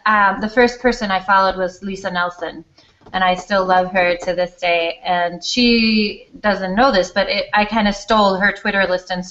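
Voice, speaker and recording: A woman's voice: medium pitch, fairly bright tone. A woman from Denmark, an elementary school teacher, telling her story in a candid, self-deprecating, chatty way in an interview. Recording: slightly dull lo-fi recording.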